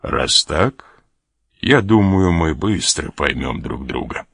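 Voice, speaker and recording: A man's voice: a bass voice, expressive, takes it slowly, vocal fry, a bit bright, breathy edge, dry recording, clean studio sound, voice pushed down, exaggerated voice. A man reading aloud as a sly sailor who mocks and threatens an officer. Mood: mocking. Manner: mocking, laughs at threats. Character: sly mocking sailor, blackmailing a major.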